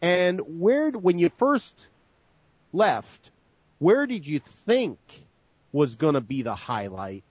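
A man with a slightly higher voice hosts the show, circling through long questions and fixing his phrasing mid-sentence. The recording is dry and close, with a muffled, lo-fi tone. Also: sing-song, takes it slowly, darkish tone, husky, no room sound. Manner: rambling, self-correcting questions. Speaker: host. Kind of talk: casual interview talk.

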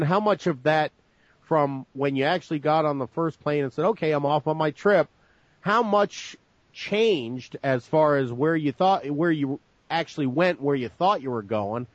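Talk show host with a dry, muffled sound. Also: male voice, on the high side, no room sound. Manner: rambling, self-correcting questions. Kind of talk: casual interview talk.

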